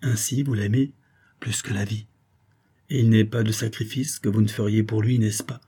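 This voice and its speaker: A man's voice: fairly low pitch, steady tone, normal speed, warm tone, husky. A man reading the part of a scheming, aging viscount in a suave, coaxing manner. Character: scheming aging male viscount, smooth and cunning.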